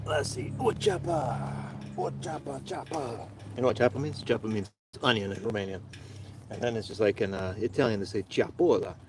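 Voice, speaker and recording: While doing outdoor chores on his homestead for a livestream, a man talks to himself, swears now and then, and sniffles from allergies. He speaks at a normal speed in a gravelly, medium-pitched voice that is very animated. The camera sits close by, and the recording is noisy.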